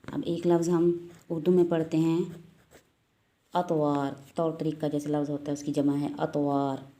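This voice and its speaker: A woman with a Pakistani Urdu accent, teaching Quran reading step by step, patiently repeating letter sounds slowly. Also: sits low, monotone, mellow. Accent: Urdu-speaking, Pakistani. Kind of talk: step-by-step recitation lesson.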